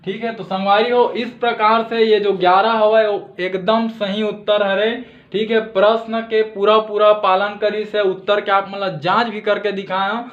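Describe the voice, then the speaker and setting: Speaking at a moderate pace in a high voice, a math teacher with a Chhattisgarhi accent walks through the lesson one step at a time. After every step he pauses to ask "theek hai" of his listeners. The sound is dull, lo-fi, and echoey.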